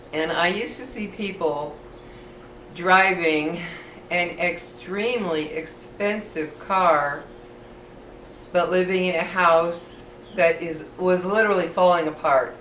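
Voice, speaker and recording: A middle-aged woman with missing teeth that soften her F sounds, telling casual, rambling, self-deprecating personal stories to camera. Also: lowish voice. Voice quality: slightly slurred speech from missing teeth, trouble with F sounds. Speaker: vlogger. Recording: echoey room, distant mic, faint noise.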